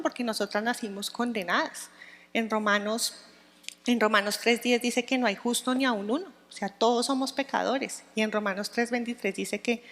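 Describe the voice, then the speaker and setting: A woman's voice: a little high, a bit bright, big-room sound. A woman teaching the Bible to a women's group, speaking conversationally and often checking in with her listeners.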